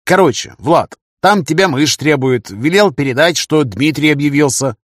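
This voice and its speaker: A man voicing a brash, mocking male rogue who jeers loudly in an audiobook. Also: fairly high pitch, expressive, moderate pace, no echo, clean studio sound, voice pushed up. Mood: rowdy mocking. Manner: loud, jeering, cackling.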